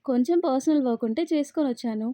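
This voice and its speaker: A woman doing a bantering young man, storybook voice, fairly high, dry sound. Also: quick pace, warm tone, no echo, close to an everyday voice. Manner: chatty, banter-filled. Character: young man Vicky, shy, teasing best friend. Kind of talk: storybook read-aloud.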